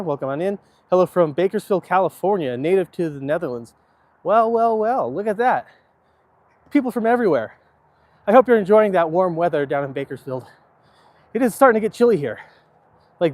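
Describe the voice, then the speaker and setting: A man's voice: sits high, a little mellow. A middle-aged American man chatting casually and easygoing on a live stream while walking, answering viewer comments. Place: outdoors on city streets, walking. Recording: outdoor background noise while walking. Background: outdoor ambient noise.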